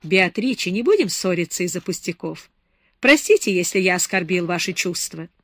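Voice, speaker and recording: A woman doing a soft-spoken, suave man. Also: fairly low pitch, lively intonation, normal speed, no room sound, clean studio sound. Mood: persuasive. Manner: soft, persuasive. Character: suave, melancholy man, flattering and elitist.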